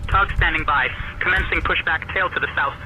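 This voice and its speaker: A man's voice: on the high side, a little fast, bright, forceful tone, faint music behind, rough recording. A man voicing a courteous airport ground crew worker, making clipped procedural intercom callouts. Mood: brisk, procedural.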